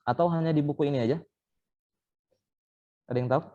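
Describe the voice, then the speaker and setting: A man's voice: on the high side, fairly even intonation, brisk, warm tone, muffled recording. A man teaching Quran recitation in an online training session, patiently explaining step by step and sounding out letters as examples. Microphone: online call.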